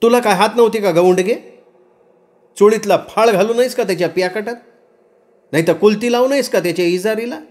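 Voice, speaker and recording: A man's voice: high voice, a little fast, long pauses, darkish tone, pitched above the performer's own voice, natural voice. A man putting on a furious village mother. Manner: scolding, harsh rustic speech. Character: furious rural village mother, sharp-tongued.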